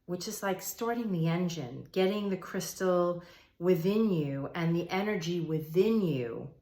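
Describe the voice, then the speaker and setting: In a mellow, lowish voice at a measured pace, the host of a manifestation and meditation channel gives an informal spiritual explainer. She addresses viewers in a conversational, emphatic way, repeating phrases for emphasis, and the recording has roomy, echoey room sound.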